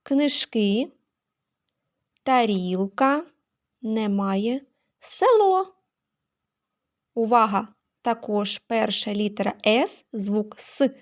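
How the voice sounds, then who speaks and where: A woman teacher giving a phonics lesson to young children, slow and careful, stressing each sound she names. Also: a little high.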